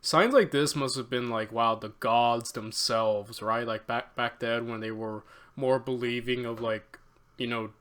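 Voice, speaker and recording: A man hosting a reaction video, chatting excitedly with many fillers and laughs. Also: mid-range voice, moderate pace. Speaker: reaction channel host. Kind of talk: casual reaction commentary.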